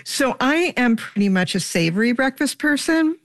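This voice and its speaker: Recorded with clean, dry studio sound, a woman hosts a show, mixing prepared lines with conversational interviews. Her voice sits on the high side, animated, at a moderate pace.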